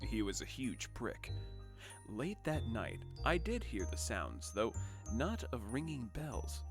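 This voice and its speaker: A man reading a storybook as comedic parody, mostly hushed and calm, then breaking into crude, sarcastic asides. His pitch moves with a lively, sweeping range, and music plays clearly behind him. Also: slow. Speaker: narrator. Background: background music.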